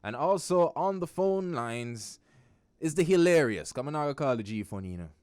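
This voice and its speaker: With a fairly high, clear and resonant voice at a moderate pace, a man hosts a studio radio talk show in a Jamaican accent. He keeps up lively, joking, chatty patter packed with slang, and the recording is dry.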